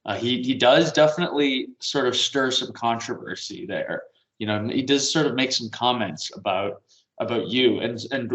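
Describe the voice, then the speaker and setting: A man's voice: mid-range voice, a bit bright. A man casually chatting on a podcast from home, rambling and meandering with little chuckles. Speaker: podcast co-host. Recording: roomy echo.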